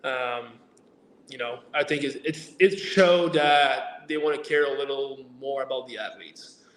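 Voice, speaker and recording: A man being interviewed as an athlete guest, talking haltingly with many fillers, restarts and uneven grammar. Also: medium pitch, fairly bright tone, slight background noise. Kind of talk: remote interview chat. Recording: echoey room, far from mic.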